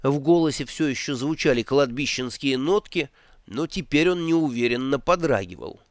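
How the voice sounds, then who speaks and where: A man narrating a fantasy audiobook in an expressive, theatrical reading style. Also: mid-range voice, normal speed, no room sound, studio quality. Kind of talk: scripted narration.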